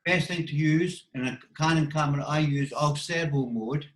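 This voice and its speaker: A man's voice: fairly high pitch, fairly even intonation, normal speed. Scottish man, wildlife photographer, practical tips, video call, echoey room. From Scotland. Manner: practical, step-by-step advice with short instructions. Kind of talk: casual explanatory interview talk.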